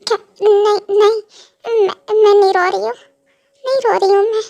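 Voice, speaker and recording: A woman's voice: very high-pitched, flat delivery, moderate pace, gravelly, dark tone, no echo. A woman voicing a frightened young wife in an amateur fan dub, pleading tearfully and stammering.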